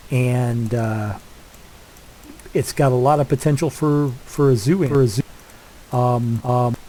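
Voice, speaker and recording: Congested from a head cold, an older man chats his way through a game let's play in casual commentary full of fillers and restarts. His mid-range voice sounds warm, though the recording quality is low.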